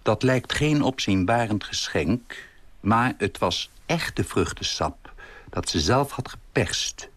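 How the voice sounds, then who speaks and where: A man's voice: fairly low pitch, expressive, slow pace, fairly bright tone, breathy edge, dry recording. A middle-aged man reading his own literary column aloud, telling it in a dry, understated way.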